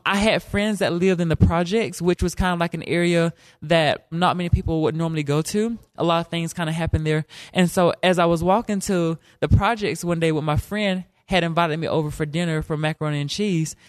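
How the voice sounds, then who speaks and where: High-voiced young man storytelling. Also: a little fast, hardly any pauses, dry recording. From South Carolina, USA. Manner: animated and joking, often acting out quotes. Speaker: storyteller guest. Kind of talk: casual personal storytelling.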